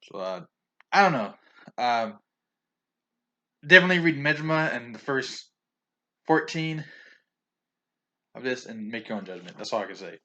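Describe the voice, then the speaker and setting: A man with a medium-pitched, bright, forceful voice reviews his manga haul on video at a moderate pace, animated but pausing often. He rambles, restarts frequently, stumbles over names, and stays chatty and opinionated with lots of chuckles.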